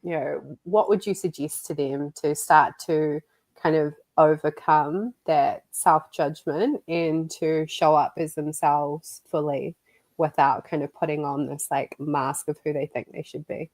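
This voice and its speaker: A woman's voice: low voice, fairly even intonation, a little slow, a little mellow, dry recording. A young woman from New Zealand co-hosting a podcast, chatty and relating, full of likes and you-knows. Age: young adult. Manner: chatty, relating, many fillers. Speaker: podcast co-host. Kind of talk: casual podcast interview.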